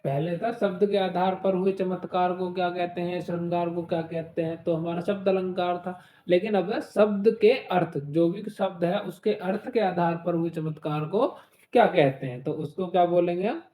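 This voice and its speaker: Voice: medium pitch, fairly even intonation, moderate pace, mellow, echoey room. A Hindi teacher leading an exam-prep class, explaining with everyday examples, asking questions and checking in often. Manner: asks rhetorical questions and says "ठीक है" often.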